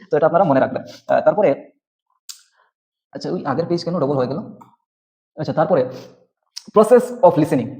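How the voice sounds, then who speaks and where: A man's voice: on the high side, warm tone. A man teaching an exam-prep lecture, explaining step by step and often checking with the listener. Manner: explanatory, repeats "ঠিক আছে?" checks.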